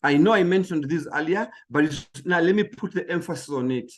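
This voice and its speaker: A man's voice: a little high, a little fast. A man who trains people in public speaking, giving an emphatic motivational talk that repeats key phrases and often stumbles over small words.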